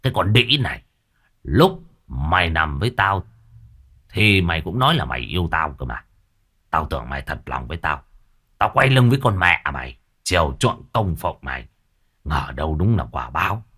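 A man's voice: deep voice, big pitch swings, moderate pace, fairly bright tone, husky, exaggerated voice. A man voicing a vicious, sneering older drunk who snarls insults in a ghost story.

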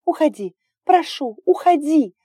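A woman voicing a tearful, desperate young heroine who begs and sobs in high, loud cries. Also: animated, unhurried, no room sound, clean studio sound. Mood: pleading. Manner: high pleading cries, sobbing.

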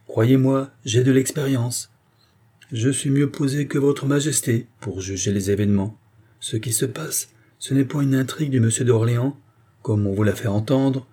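Man doing a measured persuasive minister in his fifties, low husky voice, storybook reading. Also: mellow, natural voice. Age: 50s. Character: calm, shrewd older male minister.

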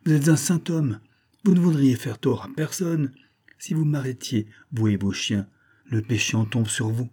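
A man voicing a sly, smooth-talking male fox in a storybook reading, wheedling and cajoling. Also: medium pitch, normal speed, warm tone, voice pushed up, lightly acted. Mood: pleading.

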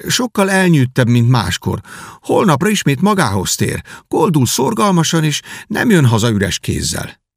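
A man's voice: on the high side, huge pitch swings, creaky, breathy edge, no room sound, studio quality, voice pushed up, heavily acted. A man voicing timid poor young sisters who beg their father to spare their brother. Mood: pleading. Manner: begging, soft.

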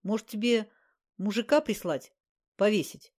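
A man's voice: high voice, normal speed, pitched above the performer's own voice. Woman reading as a brash, mocking young man. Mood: blunt. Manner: loud, teasing, laughing.

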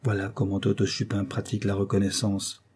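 Male audiobook narrator, measured delivery, dark husky tone. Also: lowish voice, completely flat delivery. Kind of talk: scripted narration.

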